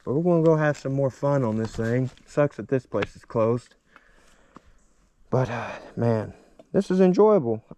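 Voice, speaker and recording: A man's voice: mid-range voice, animated, a little slow, dark tone, slight background noise. A man vlogging casually while riding a small dirt bike, his voice muffled inside a helmet and picked up by a camera on his chest. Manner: rambling, chatty, upbeat. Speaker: motovlogger. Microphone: chest-mounted action camera.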